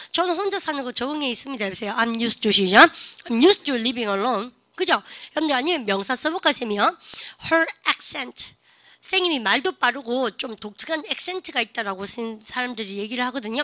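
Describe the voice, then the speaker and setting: A woman teacher gives a grammar lecture in a fairly high, sharply bright voice. She fires call-and-response questions at her class and slows down to model each example sentence. The sound is close and dry. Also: no room sound.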